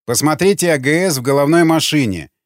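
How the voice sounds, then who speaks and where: A man's voice: fairly high pitch, fairly quick, no room sound, clean studio sound, lightly acted. A man voicing a ruthless raider commander who gives clipped, cold orders. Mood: commanding.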